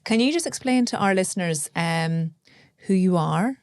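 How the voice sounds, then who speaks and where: A woman hosts a podcast in a studio, asking her guest questions in a warm, chatty manner. Her voice sits a little low. The room sound is dry and close. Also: animated, normal speed, smooth, dry recording. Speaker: podcast host. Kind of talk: friendly interview questions.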